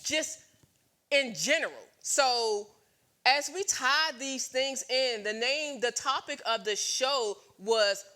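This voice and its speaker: A woman's voice: sits high, expressive, slow, pushed and bright. A woman in her late forties hosting a talk show, sharing candid opinions with many fillers and restarts. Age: 40s. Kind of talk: casual talk show chat.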